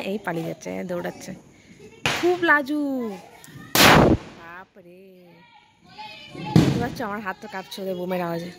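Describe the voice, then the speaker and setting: A young woman from Bengal, vlogging excitedly outdoors at night and calling out to children. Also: mid-range voice. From West Bengal, India. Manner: excited, chatty, calling out to kids. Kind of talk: casual vlog narration to camera. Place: village lane outdoors at night. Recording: outdoor phone video with firecracker noise. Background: firecrackers bursting.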